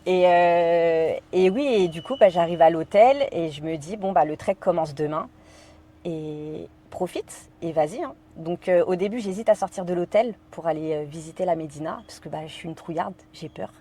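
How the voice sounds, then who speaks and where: A woman's voice: on the low side, moderate pace, warm tone. A woman from France, a podcast guest, telling a personal story in conversation, hesitant with many fillers and quoting her own inner thoughts.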